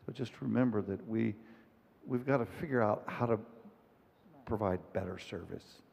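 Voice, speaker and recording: Low gravelly guy moderating a panel, husky voice, echoey conference hall. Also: normal speed, darkish tone. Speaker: panel moderator, hospital international clinic head. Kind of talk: panel discussion. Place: conference auditorium. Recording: long reverb in a conference hall.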